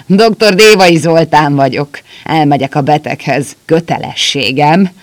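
A man voicing a drunken, surly man who shouts his refusals in a gruff voice. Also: on the high side, expressive.

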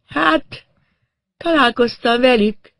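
A man putting on a dazed, shocked woman in a high voice. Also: creaky, pushed and bright, no room sound, clean studio sound, full character voice. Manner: halting, breathless, stunned. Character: dazed middle-aged woman artist in shock.

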